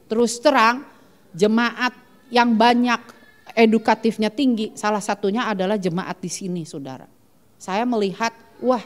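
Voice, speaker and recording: A woman pastor preaching a sermon in a church, animated, acting out the people in her stories, often turning straight to the congregation. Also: a little high, big-room sound. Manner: animated preaching, constantly addressing the congregation as "saudara".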